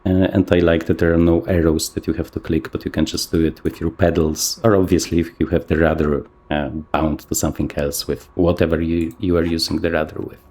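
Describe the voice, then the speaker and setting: A man casually talking through a flight simulator session, thinking aloud with plenty of fillers, his voice a little rough from the morning. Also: a bass voice, little pitch movement, fairly quick, few pauses, darkish tone. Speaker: flight sim video host. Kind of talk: casual gameplay commentary.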